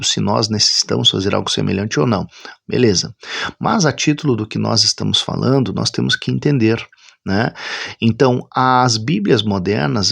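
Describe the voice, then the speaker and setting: A man explaining a Bible topic in an unhurried teaching manner, often checking in with "né?". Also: medium pitch, vocal fry, slightly rough. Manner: unhurried and explanatory, with frequent "né?" tag questions.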